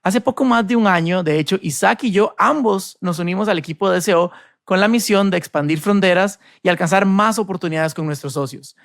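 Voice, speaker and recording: Gravelly, higher-voiced Costa Rican host. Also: male voice, brisk, a bit bright, no room sound, clean studio sound. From Costa Rica. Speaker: podcast host. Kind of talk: scripted podcast intro and interview.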